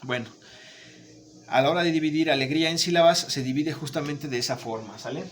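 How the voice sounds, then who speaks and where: A man's voice: a little high, fairly quick, slight background noise. A man teaching a remote lesson, patient, checking in often with his students. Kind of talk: remote Spanish grammar lesson.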